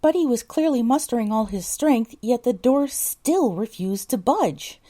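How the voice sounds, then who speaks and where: An audiobook narrator reads a scripted story in a warm, fairly high voice with lively intonation and a measured pace. She often breaks off to correct herself, letting out exasperated asides between takes.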